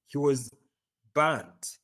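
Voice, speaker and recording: A podcast guest from Uganda, this man tells his story with an East African accent, often pausing to search for words. His mid-range voice has a fairly bright tone, recorded at studio quality with no echo.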